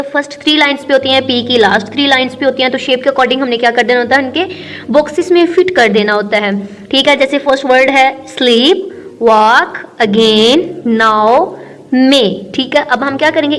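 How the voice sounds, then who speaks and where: A woman teacher with a Pakistani Urdu accent goes through a textbook lesson, asking questions and answering them herself and reading English lines slowly. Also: high-pitched.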